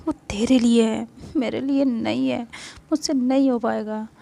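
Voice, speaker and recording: A woman's voice: fairly high pitch, fairly even intonation, a little slow, vocal fry, dark tone. A woman voicing a stubborn young woman who answers hesitantly and defensively in a spoken Hindi story.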